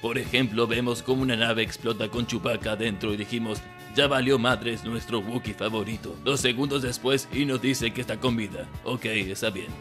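A man's voice: mid-range voice, normal speed, few pauses, fairly bright tone, lightly acted. A man with a Latin American Spanish accent voicing a grumpy, sardonic old evil emperor in a comic parody review. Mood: exasperated. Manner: sardonic, exasperated, swearing. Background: background music.

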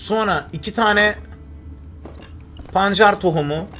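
A man's voice: high voice, takes it slowly, pushed and bright, faint music behind. A young man giving live commentary over a survival game, chatting with himself and thanking viewers in chat. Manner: chatty, talks to himself and reads chat aloud. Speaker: gaming streamer.

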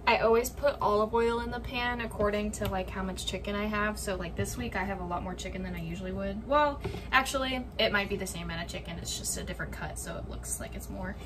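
A woman's voice: mid-range voice, recorded from a distance. A young woman chatting casually to viewers while she preps meals, rambling with lots of likes and ums. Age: young adult. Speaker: vlogger. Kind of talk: casual chat while cooking. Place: home kitchen, indoors. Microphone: camera on the counter. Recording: off-mic with clear room noise.

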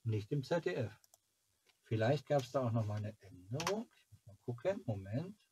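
Background noise accompanies a very animated, medium-pitched man in his forties speaking at normal speed. As host of a children's TV fan club channel, he rambles and thinks aloud in a casual vlog from a cluttered home room, captured by an arm's-length camera.

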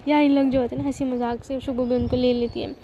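A woman's voice: sits high, level tone, quick pace, a little hiss or hum. Chatty woman narrating a story, lo-fi. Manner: chatty, sympathetic asides. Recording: dull lo-fi recording.

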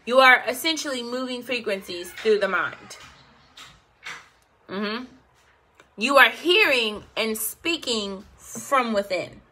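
Self-help host, woman, slightly high, unhurried, coaxing listeners to repeat after her. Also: lively intonation, bright, forceful tone, a little hiss or hum. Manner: coaxing, call-and-response, encouraging. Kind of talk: guided affirmation exercise.

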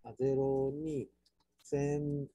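A man with a Kansai accent teaching an architecture class through a software task, playful, with sound words and mock squeals. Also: medium pitch, level tone, extremely slow, no room sound. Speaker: architecture instructor.

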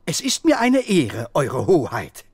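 Refined, expressive ogre gentleman. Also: fairly high pitch, unhurried, slightly rough, no room sound, exaggerated voice. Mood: courtly. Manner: refined, polite, theatrical. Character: courteous, nervous, gloomy ogre head, formerly a wizard.

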